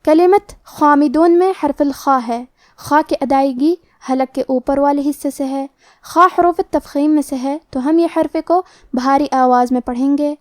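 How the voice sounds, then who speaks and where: A woman with a high, mellow voice explains recitation rules in a measured, methodical way. The recording is dry and close, with no room sound. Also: no room sound. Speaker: Quran recitation teacher. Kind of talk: slow explanatory tajweed lesson.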